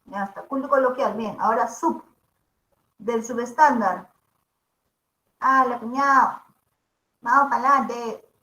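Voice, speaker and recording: A woman teacher, giving a linguistics lecture in a lively way and asking her class rhetorical questions often. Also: a little high, measured pace, pauses often. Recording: echoey room.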